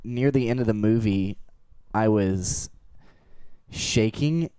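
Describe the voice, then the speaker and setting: A man in his twenties hosting a casual live-streamed podcast at home, excitable and rambling. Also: fairly low pitch, takes it slowly, clear, resonant tone, dry recording. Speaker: podcast host. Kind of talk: casual chat. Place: home room. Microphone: live stream mic.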